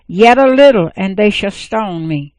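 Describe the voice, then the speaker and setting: A woman reading the lines of Moses, an older male leader, in a measured, earnest voice. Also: medium pitch, expressive, a little mellow, dry recording, lightly acted.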